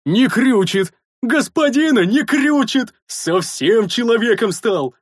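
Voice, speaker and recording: Man voicing a boisterous stocky soldier, audiobook, high and lively, husky, dry close sound. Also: slow pace, dry recording, exaggerated voice. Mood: overjoyed. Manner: excited, loud, jokey. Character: stocky boisterous young male soldier, loyal servant.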